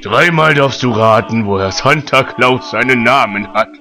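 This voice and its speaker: A man's voice: pushed and bright, faint music behind. A man playing a jovial, magnanimous old Santa Claus in a comedic audio drama, with a grand manner. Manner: slow, grand, booming ho-ho delivery.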